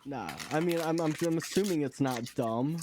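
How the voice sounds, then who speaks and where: A man's voice: fairly high pitch, normal speed, noisy background. A man hosting a tabletop game stream in casual chat, playful and laughing often. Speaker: player and show host.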